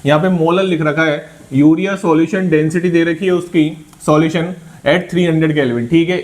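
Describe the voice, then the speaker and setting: A man's voice: a little high, a little mellow. A male chemistry teacher working through an exam problem step by step, encouraging students and asking then answering his own questions.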